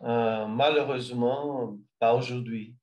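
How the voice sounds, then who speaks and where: A Brazilian man, a learner of French with a Brazilian Portuguese accent, answers interview questions slowly and hesitantly while searching for words. His medium-pitched voice is steady and a little mellow, captured with lo-fi sound.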